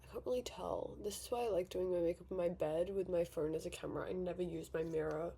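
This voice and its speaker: Her voice is fairly low, dark, husky, and creaky, with a steady tone and quick pace. She's an eighteen-year-old from Victoria with an Australian accent, rambling a bit in chatty, self-deprecating get-ready-with-me talk as she does her makeup at her home bedroom vanity for a vlog.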